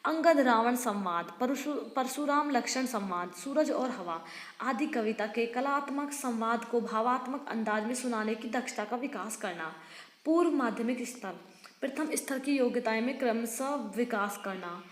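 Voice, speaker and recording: A woman's voice: a little high, normal speed. Woman reading study notes in an echoey room. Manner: reads notes aloud with small slips and restarts, chatty asides to students. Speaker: teacher. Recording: echoey room with long reverb.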